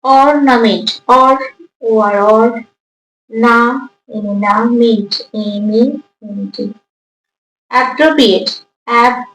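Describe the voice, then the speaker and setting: A woman teacher going through exam answers, reading English prompts slowly, explaining them in Bengali and spelling words out letter by letter. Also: fairly high pitch, fairly bright tone, a little hiss or hum. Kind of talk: exam answer walkthrough lesson. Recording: echoey room.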